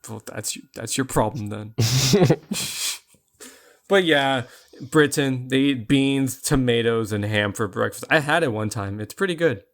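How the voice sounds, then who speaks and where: This young adult podcast co-host has a fairly bright, mid-range voice and takes his time as he chats. He spins loose, joking stories, frequently starting over partway through.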